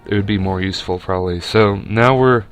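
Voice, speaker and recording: A man's voice: fairly low pitch, a little fast, soft background music. A young man giving casual, rambling commentary over a video game battle, with lots of fillers and restarts.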